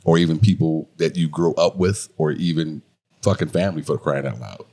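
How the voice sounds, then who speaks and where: A man's voice: a bass voice, normal speed, gravelly, warm tone, slightly rough. A man co-hosting a casual podcast chat with his wife, joking and teasing, laughing often as he tells stories. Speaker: podcast co-host.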